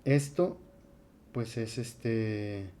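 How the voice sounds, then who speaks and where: Relaxed man teaching at a board. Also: lowish voice, drawn-out words, a little hiss or hum. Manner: relaxed, conversational, with many fillers. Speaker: Latin teacher. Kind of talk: casual classroom lecture at a board.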